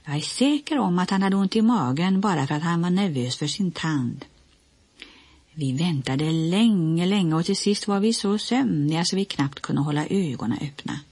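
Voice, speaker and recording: A woman reading a children's book aloud in a gentle storytelling manner. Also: fairly low pitch, expressive, breathy edge, dry recording. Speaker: audiobook reader.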